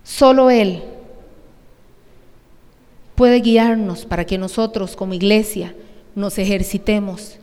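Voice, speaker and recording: A woman's voice: medium pitch, slow pace, long pauses, a little mellow, in a large hall. A woman preaching a sermon, emphatic and asking the congregation questions.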